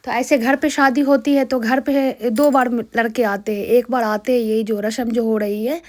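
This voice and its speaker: A young woman from Bihar narrates her vlog in a slightly high voice. She talks to her viewers in a casual, chatty way, explaining each step as it happens. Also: fairly even intonation, normal speed, darkish tone. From Bihar, India. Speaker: vlogger.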